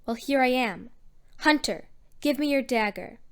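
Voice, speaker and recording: A woman's voice: high-pitched, expressive, a little slow, smooth. A woman voicing a cruel, raging male village priest who gives orders with contempt. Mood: scornful. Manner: commanding, contemptuous.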